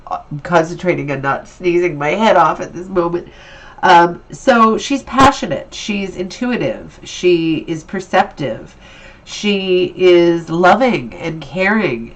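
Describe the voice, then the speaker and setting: A woman's voice: lowish voice, highs cut off. A woman with a stuffy, nasal voice from allergies, giving an upbeat and encouraging tarot reading in a casual, chatty way. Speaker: tarot reader.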